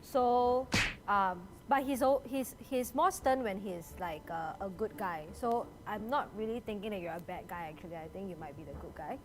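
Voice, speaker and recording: A woman's voice: medium pitch, normal speed, background noise. A woman with a Singaporean accent speaking casual Singlish as she banters as a player in a game. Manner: speaks Singlish, with local particles and exclamations. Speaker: player in a social deduction game show.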